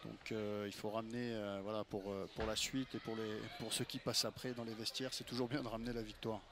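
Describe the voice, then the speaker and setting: A man's voice: fairly low pitch, little pitch movement, fairly quick. A man giving conversational expert fight commentary as a coach, often repeating phrases for emphasis. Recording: live commentary over music.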